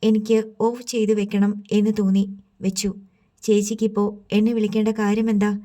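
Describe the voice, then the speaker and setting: A woman's voice: medium pitch, little pitch movement, fairly quick, mellow, natural voice. A woman reading as a curt, sleepy young man. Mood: irritable. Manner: short, sulky replies.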